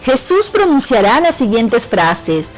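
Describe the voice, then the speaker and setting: A middle-aged woman with a Peruvian accent, a teacher giving a clear, measured lesson on an educational radio program. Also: on the high side, sing-song, faint music behind, low-quality recording. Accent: Peruvian Spanish. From Peru. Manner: clear, measured instruction to students.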